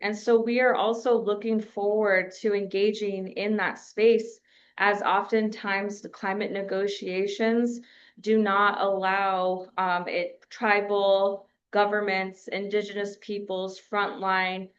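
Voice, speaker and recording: A woman from New Mexico speaking at a press conference, measured and pausing often on fillers. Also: medium pitch, flat delivery, muffled recording. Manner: measured, with frequent filler pauses.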